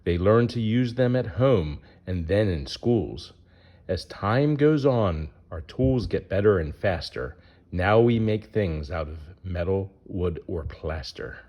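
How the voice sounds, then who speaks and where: A man reads a rhyming children's picture book aloud in a sing-song way, asking questions of his young listeners. His voice is low, expressive, slow and somewhat dark in tone.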